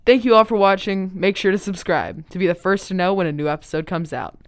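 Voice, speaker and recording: A young woman hosting a school segment with rapid-fire questions, delivered as short scripted presenter lines. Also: medium pitch, no echo, clean studio sound. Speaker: student host.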